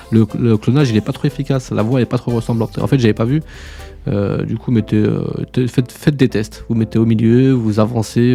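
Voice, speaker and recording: A man's voice: medium pitch, warm tone. A man hosting a casual screen-share tutorial, informal and slangy, chatting to viewers like buddies. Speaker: tutorial host.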